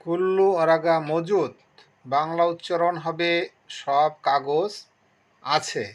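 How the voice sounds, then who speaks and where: A male language teacher works through a lesson phrase by phrase, methodically explaining each word before repeating the whole meaning. He speaks slowly in a fairly high-pitched voice.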